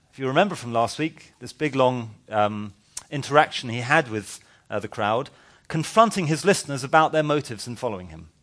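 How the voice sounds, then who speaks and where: A man's voice: medium pitch, a bit bright. A male pastor preaching a verse-by-verse sermon, conversational and emphatic, with wry sarcastic asides. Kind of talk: expository sermon.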